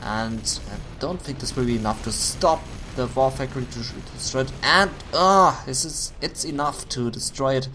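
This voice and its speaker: A man commentating a video game match on his own, getting excited at big plays, his voice going hoarse. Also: mid-range voice, normal speed, few pauses, slight background noise. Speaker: esports caster.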